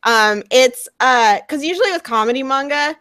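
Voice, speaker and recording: A woman's voice: sits high, animated, normal speed, a bit bright. A young woman co-hosting a casual group podcast, talking with enthusiasm and laughing often. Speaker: podcast co-host.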